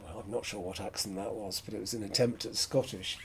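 A man's voice: on the low side, steady tone, brisk, fairly bright tone, slight background noise. A man hosting a solo podcast, talking frankly and with strong opinions as he thinks aloud. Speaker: podcast host.

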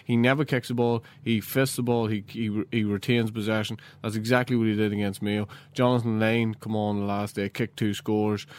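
A man's voice: on the low side, darkish tone. An Irish man giving casual sports analysis as a pundit.

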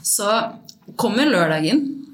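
A woman's voice: medium pitch, very animated, a bit bright. A woman, a podcast guest telling a long personal story in casual chat and acting out dialogue. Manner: mixes Norwegian and Swedish words, tells the story with quoted dialogue and English slang. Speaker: podcast guest, stripper and entrepreneur. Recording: echoey room.

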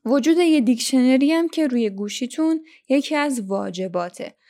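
A young Iranian woman hosting a language-learning podcast, talking listeners through tips in a clear, instructive way. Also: high voice, expressive, warm tone. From Iran. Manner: instructive, addresses listeners directly. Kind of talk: scripted podcast lesson.

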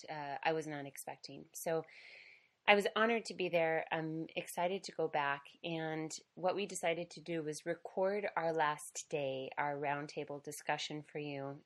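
A middle-aged woman hosting a podcast, introducing a roundtable in a casual, emotional way with many fillers and restarts. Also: low voice. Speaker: podcast host and Pilates teacher. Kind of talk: casual heartfelt chat. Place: Pilates studio, recording a roundtable.

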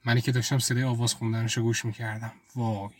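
A man's voice: mid-range voice, little pitch movement, a little hiss or hum. Man narrating an intimate inner monologue. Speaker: storyteller and writer. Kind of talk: first-person story narration.

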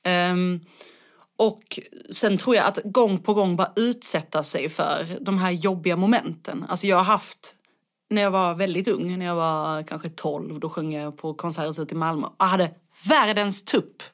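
Low-voiced young woman telling stories. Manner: chatty storytelling with casual swearing. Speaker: guest singer. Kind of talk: casual conversation.

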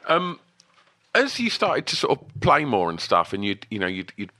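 A man's voice: mid-range voice, huge pitch swings, moderate pace, pushed and bright, no echo. A man from Essex with an Essex accent, chattily and enthusiastically asking rambling questions in a casual music interview. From Essex, England.

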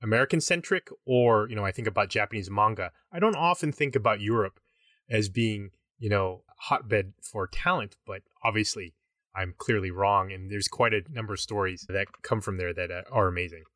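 A man co-hosting a book podcast, speaking reflectively and hesitantly. His lowish voice has a bright edge and sounds a little distant from the mic in a dry room. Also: moderate pace, no room sound. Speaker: podcast co-host. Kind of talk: casual book club chat.

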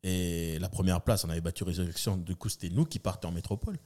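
A man's voice: fast, darkish tone. A man, a comedian and entertainer telling stories from his career as a guest, slipping into other people's voices as he goes. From New Caledonia. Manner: acts out voices in his anecdotes, swinging pitch widely. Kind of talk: animated storytelling.

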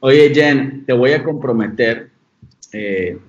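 A man's voice: mid-range voice, slow pace. A man with a Mexican accent asking questions in a casual, chatty interview. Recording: dull lo-fi audio.

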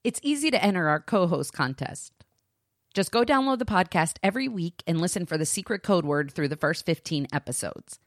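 Low-pitched woman hosting a parenting podcast. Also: animated, a little fast, no echo, studio quality. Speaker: podcast co-host and mother. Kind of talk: casual podcast chat with scripted announcements.

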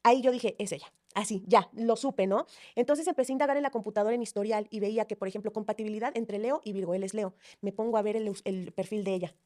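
Fast-talking woman telling her story. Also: mid-range voice. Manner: animated, acts out quoted dialogue. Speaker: guest. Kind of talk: emotional personal storytelling.

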